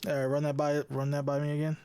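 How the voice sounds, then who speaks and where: A man's voice: fairly high pitch, completely flat delivery, fast talker, warm tone, smooth, dry recording. A young man hosting a casual podcast chat, rambling with lots of restarts, swearing and laughing. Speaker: podcast host.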